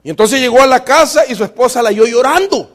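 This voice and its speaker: A man's voice: extremely high pitch, quick pace. A man preaching a sermon as pastor, telling stories fervently and often calling his listeners brother. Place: church sanctuary. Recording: long reverb of a church hall.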